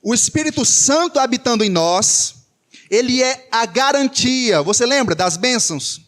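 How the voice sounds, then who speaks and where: A Brazilian man preaches in a high voice. He speaks with emphasis, repeats his key phrases, and poses rhetorical questions to the congregation. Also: lively intonation, moderate pace, a bit bright. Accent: Brazilian Portuguese. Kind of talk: sermon.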